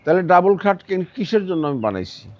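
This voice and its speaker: In a dull, slightly muffled recording, an older interviewee who once fought as an armed combatant shares his memories in a Bangladeshi accent, repeating phrases for emphasis. He speaks brisk and very animated, his high voice carrying a darkish tone.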